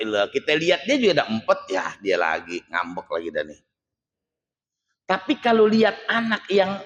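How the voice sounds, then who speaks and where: A man's voice: a little high, muffled recording. A man preaching a casual, humorous sermon and teasing his audience with rhetorical questions. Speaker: Islamic preacher. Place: mosque hall. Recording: long reverb of a mosque hall.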